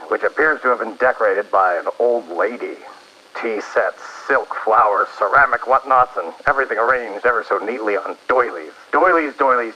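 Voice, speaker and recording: Pompous, sardonic male superintendent for vintage radio drama, acted by a man: husky, animated, old radio filter. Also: mid-range voice. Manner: pompous, wordy, dryly suspicious. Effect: old-time radio filter. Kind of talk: 1930s radio play acting. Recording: muffled, lo-fi 1930s-style radio recording.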